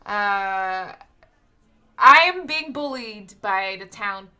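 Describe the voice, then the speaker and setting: Bright, giggly woman role-play player. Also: mid-range voice, animated, extremely slow, clean tone. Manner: giggly, rambling, full of fillers. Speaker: tabletop game player. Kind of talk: casual role-play table talk.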